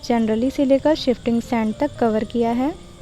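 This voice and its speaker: A woman tutor explaining a lesson plan step by step, mixing Hindi and English and reading English lines slowly. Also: on the high side, warm tone, soft background music, rough recording. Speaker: teacher-training tutor. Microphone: voice-over for screen slides.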